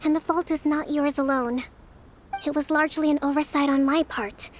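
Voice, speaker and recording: An actress voicing a gentle but firm young priestess leader in a video game, speaking in a measured, formal and articulate way. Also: female voice, high-pitched, fairly even intonation, a little hiss or hum, close to an everyday voice. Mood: earnest, reproving. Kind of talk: English video game voice acting.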